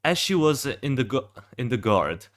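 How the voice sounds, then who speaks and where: A man's voice: mid-range voice, very animated, normal speed, fairly bright tone. A young man who just woke up reads a fan-made game backstory aloud, stumbling and restarting often. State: just woken up. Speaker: game fan reviewing a hero design.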